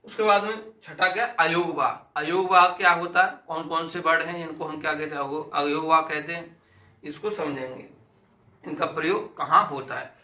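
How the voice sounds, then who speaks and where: A man's voice: on the high side, bright, forceful tone, reverberant. A man teaching an exam-prep grammar lesson, repeating sounds aloud and asking and answering his own questions.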